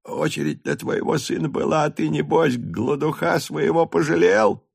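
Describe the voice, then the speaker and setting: A man voicing a quick, aggrieved little old male peasant who laments and accuses in an audiobook. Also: a little high, creaky, breathy edge, no echo, studio quality, voice pushed up, exaggerated voice.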